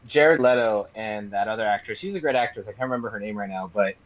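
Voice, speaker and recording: A man's voice: lowish voice, fast talker, lo-fi sound. Exasperated young man, casual chat. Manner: exasperated, incredulous retelling. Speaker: podcast co-host.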